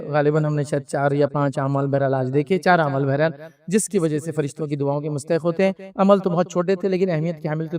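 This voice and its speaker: A man's voice: fairly high pitch, a little mellow, clean tone, far from the mic. A man giving an Islamic religious lecture, explaining points by asking questions and answering them himself, and using everyday stories as examples. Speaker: Islamic preacher.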